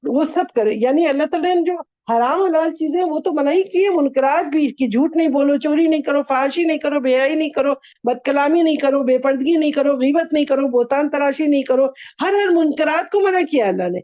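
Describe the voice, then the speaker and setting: A woman with a high, mellow voice gives an earnest religious talk, asking her listeners one rhetorical question after another. She mixes English words into her speech. The recording is dull and lo-fi. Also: hardly any pauses, dry recording. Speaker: religious speaker.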